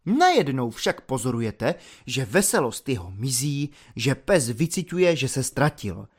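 A man narrating an audiobook in a lively, expressive reading. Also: medium pitch, slightly rough.

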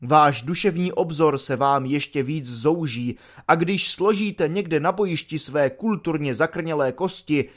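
Brief: man reading a wordy, ironic young volunteer, smooth and mock-polite. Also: on the high side, hardly any pauses, natural voice. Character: sardonic educated young army volunteer.

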